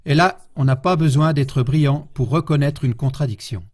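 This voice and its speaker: A man delivering a public history lecture in a somewhat high voice. He talks in a measured, steady way and keeps turning to the audience with rhetorical questions.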